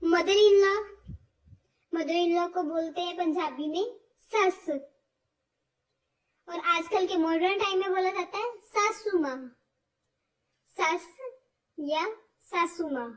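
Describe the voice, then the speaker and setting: A woman teaching word lists, slowly repeating each word with stress. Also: very high voice. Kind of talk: explaining vocabulary, slow and repetitive. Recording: voice from far off the mic.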